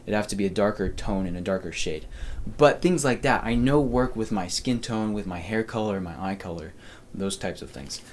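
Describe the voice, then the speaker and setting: A man's voice: fairly low pitch, moderate pace, slight background noise. A male podcast host giving casual, chatty style advice, talking straight to the viewer with upbeat, self-deprecating asides.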